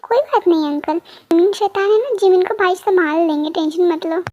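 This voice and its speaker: A woman's voice: very high voice, a little fast, dark tone, no room sound. A woman playing a cocky, teasing young man. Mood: reassuring. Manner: teasing, mocking.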